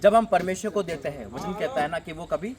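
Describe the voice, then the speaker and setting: Preacher guy outdoors at a building site, loud with no mic, declaring blessings, voice a bit high. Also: brisk, a crowd in the background. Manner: speaks loudly without a microphone. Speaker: pastor. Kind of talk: fundraising sermon.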